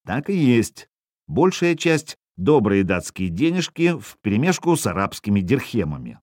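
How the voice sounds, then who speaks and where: A man reading a first-person audiobook in a wry, expressive way, voicing the dialogue as he goes. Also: fairly low pitch, no room sound, studio quality. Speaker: audiobook narrator.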